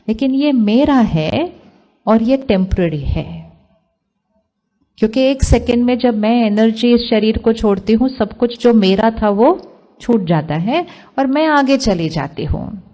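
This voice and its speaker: A woman's voice: on the high side, lively intonation, a little slow, warm tone. An Indian woman giving a spiritual talk to a live audience, asking them questions and mixing English phrases into her speech. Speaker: spiritual speaker.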